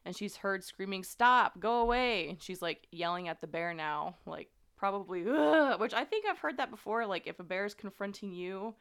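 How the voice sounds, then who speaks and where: A woman's voice: mid-range voice, a little fast, hardly any pauses, fairly bright tone, clear, resonant tone. A woman hosting a podcast, casually recounting a true-crime story with plenty of fillers and an earnest tone. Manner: conversational, many fillers, earnest. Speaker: podcast host.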